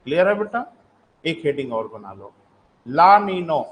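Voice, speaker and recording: A male teacher with a fairly high voice running a live online class. He dictates notes slowly and keeps checking in with his students, calling them "beta". Faint noise runs underneath. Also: big pitch swings, rough recording.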